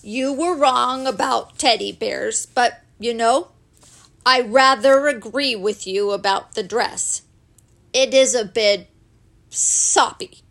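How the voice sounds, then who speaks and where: A woman voicing a placid, polite male teddy bear in a children's story, speaking in a measured, gentle way. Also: a little high, gravelly, exaggerated voice. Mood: forgiving, content.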